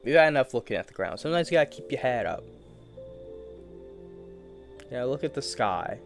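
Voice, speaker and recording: A man talking to himself in a loose, rambling way. His pitch moves around a lot. He sounds playful and easily amused, with faint music under his voice. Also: big pitch swings, a little fast, vocal fry. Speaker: gaming streamer. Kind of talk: casual solo commentary.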